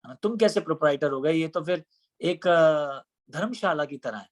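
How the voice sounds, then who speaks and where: A man voicing a wandering holy beggar who calmly questions a king in a told story. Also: a little high, moderate pace, close to an everyday voice. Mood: questioning.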